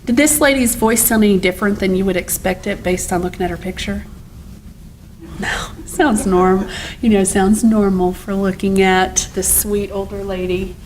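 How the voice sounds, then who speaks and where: A woman's voice: mid-range voice, fairly even intonation, normal speed, darkish tone, a little hiss or hum, low-quality recording. A woman lecturer talking through cases and asking her audience questions. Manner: chatty, asks the audience questions. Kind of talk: recorded lecture.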